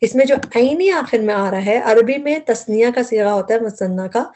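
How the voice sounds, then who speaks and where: A woman's voice: on the high side, expressive, moderate pace, mellow. A woman teaching a word-by-word Quran lesson, patiently explaining root words and repeating herself as she goes.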